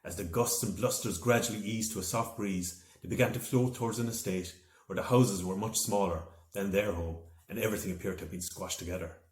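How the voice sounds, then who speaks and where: This is a children's storybook read by the man who wrote the novel, his voice sitting on the lower side. He moves briskly and performs with drama and expression, while the echoey room rings around him.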